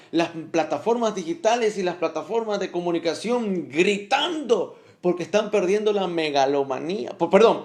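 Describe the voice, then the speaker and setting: A man preaching a sermon with animated exclamations, acting out little scenes and repeating phrases for emphasis. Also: high-pitched.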